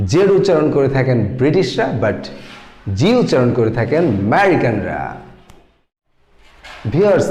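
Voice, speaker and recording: A man's voice: a little high, darkish tone. A man giving an English pronunciation lesson, slipping English words and phrases into his teaching. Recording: echoey room.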